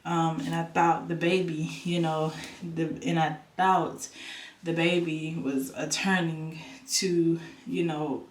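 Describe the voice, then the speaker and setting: A young woman vlogs casually at home, rambling with lots of ums and repeated words. Her deep voice is stuffy and nasal, slow, with little pitch movement and a reverberant sound, picked up by a camera on a stand.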